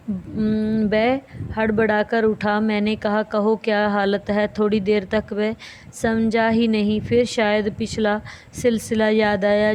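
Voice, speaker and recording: A woman teacher reading a story aloud slowly and carefully, with small restarts, then explaining it to her students. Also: mid-range voice, a little mellow. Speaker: school teacher. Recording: faint background noise.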